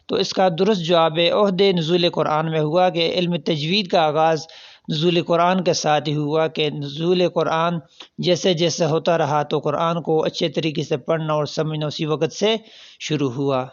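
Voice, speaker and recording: A man with a fairly high voice works through past exam questions, reading out every option before he explains the right answer. His explanations are patient and step by step. The recording sounds dull and lo-fi. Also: steady tone. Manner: reads out options, then explains each answer. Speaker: teacher.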